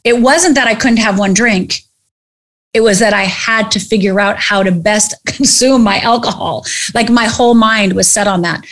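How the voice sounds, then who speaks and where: A middle-aged woman telling a personal story as an interview guest, animated and acting out the voices of people she quotes. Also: medium pitch, normal speed.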